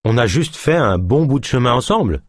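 An earnest, worried young hero, as an audiobook narrator puts him on, with a husky voice. His pitch rises and falls with feeling. The recording is dry and close. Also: very animated, brisk, no room sound. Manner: earnest and defensive.

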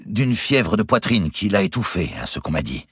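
A man voicing a hot-tempered young king who shouts indignantly and whose voice cracks high when cornered. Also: very animated, normal speed, husky, no echo, clean studio sound, exaggerated voice. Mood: defensive.

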